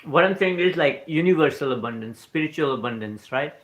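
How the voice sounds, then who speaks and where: On a casual livestream recorded in New Zealand, a male host with an Indian accent gives an informal spiritual talk in English, which is not his first language. His voice is slightly high, expressive and fairly bright, and he speaks briskly. He wanders from point to point, often asking "right?" and answering viewer comments as they arrive.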